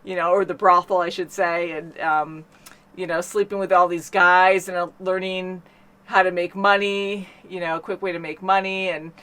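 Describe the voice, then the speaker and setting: A woman's voice: on the low side, level tone, normal speed, fairly bright tone. A woman hosting a movie reaction, chatting casually and rambling with many fillers. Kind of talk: casual chat.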